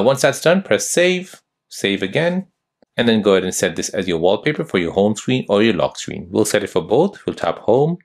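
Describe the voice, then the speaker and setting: A young man narrating a step-by-step phone tutorial as host, giving steady instructions. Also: mid-range voice.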